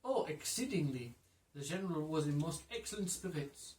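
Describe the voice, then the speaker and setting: A man's voice: a little high, animated, normal speed, a little mellow, close to an everyday voice. A man voicing an elderly Frenchman, an old friend of a general, speaking formally with an attempted French accent. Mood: courteous. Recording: echoey room, mic far off.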